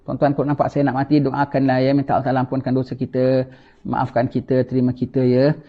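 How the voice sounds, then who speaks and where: A man gives a religious lecture, preaching in an animated way and often prompting listeners with "ha?". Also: mid-range voice, fast talker. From Singapore. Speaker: religious teacher. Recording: lo-fi dull lecture recording.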